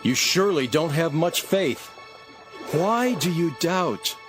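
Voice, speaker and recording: Jesus, firm, animated male teacher. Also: fairly high pitch, slow pace. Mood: gently reproving. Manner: earnest, admonishing. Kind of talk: dramatized audio Bible acting. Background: background music.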